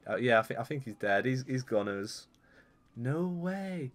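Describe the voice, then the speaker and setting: Young guy chatting over his gameplay, rambly, gets excited fast. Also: on the low side. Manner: chatty, rambling, excitable when things go wrong. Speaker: gaming YouTuber. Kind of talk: casual gameplay commentary.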